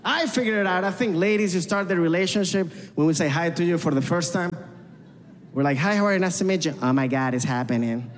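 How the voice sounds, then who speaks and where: A man's voice: high voice, fast talker, long reverb tail, slight background noise. A man from Venezuela with a Venezuelan Spanish accent, doing a chatty, self-mocking stand-up set and talking with the crowd. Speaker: stand-up comedian. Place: comedy club stage.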